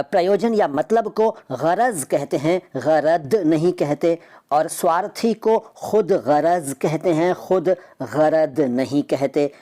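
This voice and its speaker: A man's voice: a little high, a little mellow. A man from India giving a spoken video lesson, explaining words in an insistent way, with drilling repetition and rhetorical questions. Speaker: video teacher of Urdu words.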